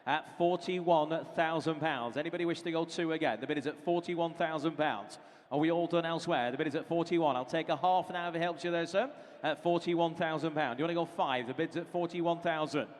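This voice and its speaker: A British auctioneer calls live bids in a large, reverberant hall, his voice a little high and brisk. He keeps up a running chant of repeated figures and prompts to the bidders.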